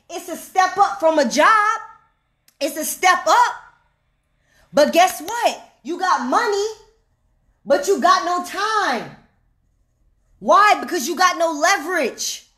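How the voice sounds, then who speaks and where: Fired-up woman, very high voice, preachy. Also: sharp tone. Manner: emphatic and preachy, repeats lines slowly, calls out "hello?". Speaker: online money coach. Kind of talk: fired-up direct-to-camera rant.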